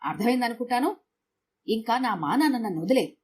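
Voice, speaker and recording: A woman's voice: on the high side, lively intonation, a little fast, darkish tone, a little hiss or hum, lightly acted. A woman voicing a tired middle-aged husband who lectures his wife. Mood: weary.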